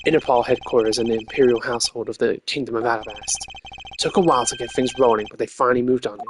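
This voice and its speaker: A man's voice: medium pitch, steady tone, fast talker, slight background noise, lightly acted. A man voicing a confident, swaggering Interpol agent in a video game, with a casual, cocky delivery. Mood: triumphant. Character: confident, swaggering male Interpol agent, proverb-quoting detective.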